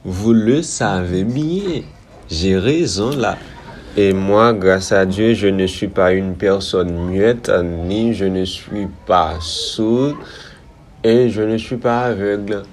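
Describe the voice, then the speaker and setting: A man teaching English verbs, drilling conjugations slowly with many repetitions and frequent check-ins. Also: fairly low pitch, darkish tone, slight background noise. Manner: slow, repetitive drilling, asks "Ok?" often.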